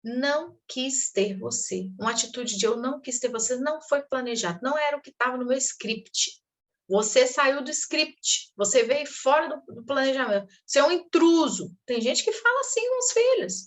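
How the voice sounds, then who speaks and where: A woman's voice: high-pitched, lively intonation, fairly quick, a bit bright. A woman, a mentor teaching a group, who acts out harsh phrases in quoted voices. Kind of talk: lecture to a group.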